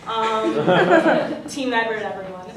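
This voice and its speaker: A young woman doing a rambling, deadpan stand-up comedy set, full of fillers. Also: on the high side, slow, over a noisy crowd. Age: young adult. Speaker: stand-up comic. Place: comedy night on stage before a live audience. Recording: distant mic, echoey room, audience laughter.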